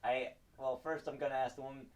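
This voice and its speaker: A man's voice: medium pitch, level tone, fast talker, very noisy. A young man playing a tabletop game, talking hesitantly and chuckling. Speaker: player.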